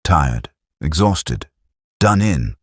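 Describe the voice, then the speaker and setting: A man's voice: extremely low pitch, lively intonation, drawn-out words, breathy edge, no echo, studio quality, exaggerated voice. A man voicing a practical, commanding Welsh platoon sergeant. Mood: brisk.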